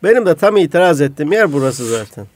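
A man in his forties with a gravelly voice, questioning and wry in a casual discussion. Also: a little high, sing-song, fast talker, no echo. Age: 40s.

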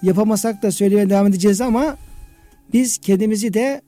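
A man hosting a religious discussion speaks in a rather high but very dark, soft-edged voice. He explains things conversationally and repeats phrases for emphasis. Music plays behind him. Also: quick pace.

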